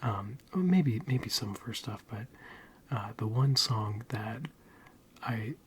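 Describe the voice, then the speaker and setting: A man giving a soft-spoken ASMR ramble in a breathy, mostly whispered voice, soothing and hesitant. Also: on the low side, takes it slowly, slight background noise. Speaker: ASMR video creator.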